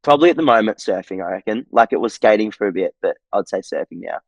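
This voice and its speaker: Laid-back Australian man, low voice. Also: animated, fast, vocal fry, a little hiss or hum, poor audio. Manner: laid-back, lots of filler "like" and "um". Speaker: podcast guest. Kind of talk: casual interview chat.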